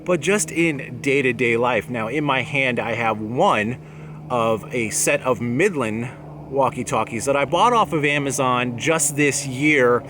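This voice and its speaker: With a mid-range voice and a slightly slow delivery, a man gives casual, conversational product talk to camera for his outdoor gear channel. The setting is outdoors between apartment blocks and trees, with clear background noise in the recording.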